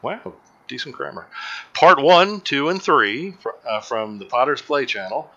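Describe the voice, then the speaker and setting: A man's voice: medium pitch, very animated, measured pace, sharp tone, muffled recording. A man hosting a live commentary panel, joking casually, laughing often and restarting his sentences. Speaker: host of a live movie commentary show.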